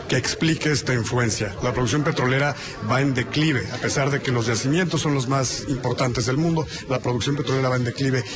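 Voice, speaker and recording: Young male TV interviewer, formal long questions, crowd noise audible. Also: medium pitch. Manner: long composed questions with a scripted intro. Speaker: TV news interviewer. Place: conference venue, indoors. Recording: crowd murmur behind.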